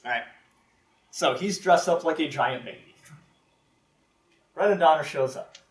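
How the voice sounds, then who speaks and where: A man telling folklore stories live at a convention, casual and animated, laughing often and saying "like" a lot. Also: on the high side, a little slow. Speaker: storyteller. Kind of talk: live storytelling talk. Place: convention room, live audience. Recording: ambient roomy live recording.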